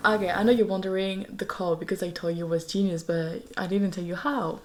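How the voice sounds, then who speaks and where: Woman fan vlogger with a mid-pitched voice, gushing and excitable, swearing freely with whispered asides. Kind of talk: casual fan recap vlog.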